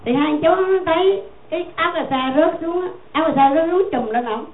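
A Buddhist nun tells a teaching story in a folksy, conversational, repetitive way. Her voice is high. The sound is narrow and phone-like, with a roomy echo and a faint hum underneath. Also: fairly quick. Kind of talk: dharma talk storytelling. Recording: echoey tinny phone-like sound.

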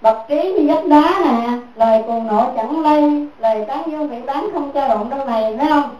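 A woman's voice: high voice, normal speed, highs cut off. A woman giving a Buddhist dharma talk as a teacher, repeating her points and asking listeners "right?" again and again. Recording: echoey room, mic far off.

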